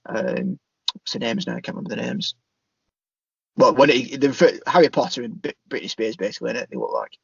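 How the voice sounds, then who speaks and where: A man's voice: mid-range voice, creaky, husky, dry recording, highs cut off. A man co-hosting a podcast, talking hesitantly about films and repeating himself. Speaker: podcast co-host. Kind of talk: casual film chat.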